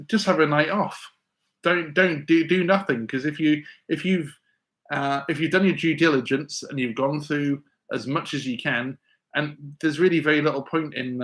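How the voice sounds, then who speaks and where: A man's voice: fairly high pitch, a bit bright. Rambling, stammering man answering live questions. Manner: rambling, stammering restarts, reads chat aloud. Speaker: physics teacher hosting a live Q&A. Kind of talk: casual live-stream Q&A.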